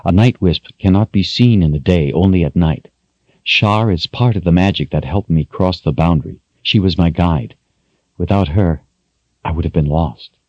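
A man voicing a young woman who speaks calmly and formally, lifting his pitch a little. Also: normal speed, no room sound, lo-fi sound. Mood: solemn. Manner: calm, formal. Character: steady, solemn young woman traveler.

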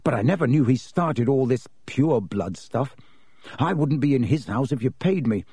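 A blunt, chatty schoolboy wizard speaks with plain scorn, as a male narrator puts him on. The delivery stays close to an everyday male voice, with a mellow tone and lively pitch. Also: normal speed, slightly rough, no echo. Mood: scornful.

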